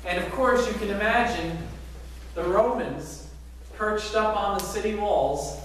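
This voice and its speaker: High-voiced man preaching in echoing sanctuary. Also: unhurried, slight background noise. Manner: animated preaching with rhetorical questions and arm gestures. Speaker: pastor. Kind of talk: sermon. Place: large church sanctuary, indoors. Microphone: far camera at back of church. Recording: very echoey sanctuary from far off.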